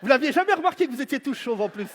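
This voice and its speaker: A man doing stand-up crowd work on stage, teasing the audience with loud, street-flavoured banter. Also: very high voice, lively intonation, very fast, slight background noise. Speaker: stand-up comedian. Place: large venue on stage. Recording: live show with long hall reverb.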